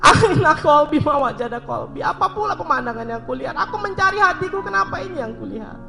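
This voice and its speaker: A man's voice: extremely high pitch, animated, fast talker, vocal fry, bright, forceful tone, faint music behind, voice pushed up, full character voice. A man doing a lost young man pleading. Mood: lamenting. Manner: lamenting, pleading. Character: lost young man searching for his heart.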